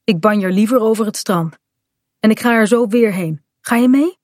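A woman's voice: medium pitch, normal speed, darkish tone, dry recording, clean studio sound, close to an everyday voice. A woman reading aloud voices a cheerful, easygoing father with a jolly, teasing manner.

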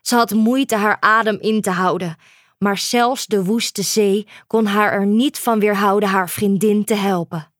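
A woman narrating a children's storybook in a calm, measured way. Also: medium pitch, no echo, studio quality. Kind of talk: storybook reading.

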